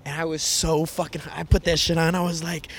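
A man's voice: on the high side, flat delivery, brisk, a bit bright, slight background noise. A young man co-hosting a podcast, telling loose stories full of "like" and "yo" and laughing often. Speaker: podcast co-host. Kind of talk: casual chat.

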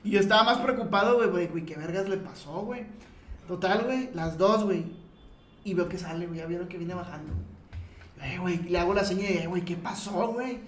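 Mexican man, high voice, casual storytelling, echoey room, swears a lot. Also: brisk, slight background noise. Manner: slangy, swears a lot, acts out quotes loudly.

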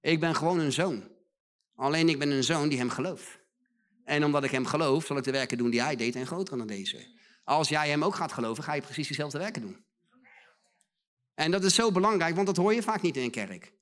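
A middle-aged man preaching a sermon in a church hall, his voice sitting notably high for a man. He speaks with emphasis, repeats phrases for force and slips into the voices of the people he quotes. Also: brisk, fairly bright tone.

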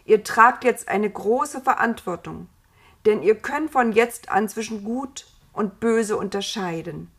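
A woman voicing God, a stern and saddened old male figure, with a solemn, booming way of speaking in a storybook reading. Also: a little slow, natural voice. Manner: solemn, booming when angry.

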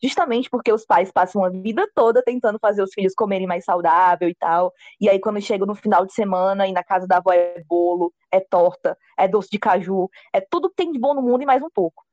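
A young woman leads a relaxed group chat, spinning funny family anecdotes and laughing along. Her voice sits at a middle pitch. The sound is dry and a little dull, as on a lo-fi mic. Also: brisk, hardly any pauses, no echo. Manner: chatty, laughs while telling stories. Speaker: host.

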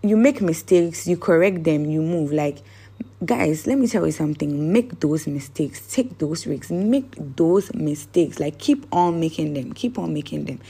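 Woman vlogger, unhurried and gravelly, casual and searching. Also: deep voice, animated, dark tone. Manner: rambling, searching for words. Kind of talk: casual motivational talk.

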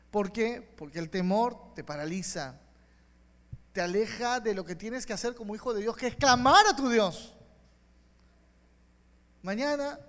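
A male pastor preaching a sermon with passion, dropping to quiet asides and rising to loud calls. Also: sits high. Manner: impassioned preaching, swings from soft to loud. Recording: long hall reverb.

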